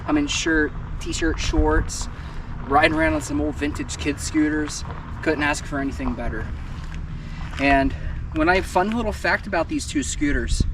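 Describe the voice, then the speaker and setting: A young man vlogging outdoors in a casual, chatty and upbeat way, a bit out of breath. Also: a little high. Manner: upbeat, chatty, laughs often. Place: outdoors on pavement. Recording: outdoor noise behind.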